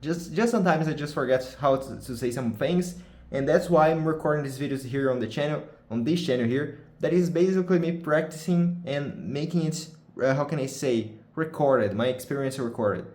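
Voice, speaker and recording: Speaking English as a second language, a young man from Brazil, a Portuguese native speaker, chats casually as a vlogger in a Brazilian accent, frequently restarting and groping for words. His voice is fairly high, a little mellow, and at normal speed, in an echoey room.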